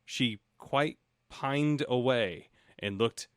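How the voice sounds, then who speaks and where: The host of a parody audiobook show, a comedian, reads from a storybook and keeps breaking off for casual, sarcastic asides. His medium-pitched voice moves extremely slowly, in a dry, studio-quality recording.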